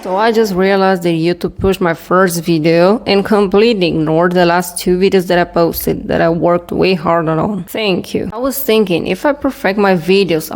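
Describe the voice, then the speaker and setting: A woman's voice: on the low side, darkish tone. Young woman talking with braces, slightly impeded S. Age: young adult. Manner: informal, self-deprecating storytelling. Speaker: small-channel video creator telling personal stories. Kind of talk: casual storytime vlog.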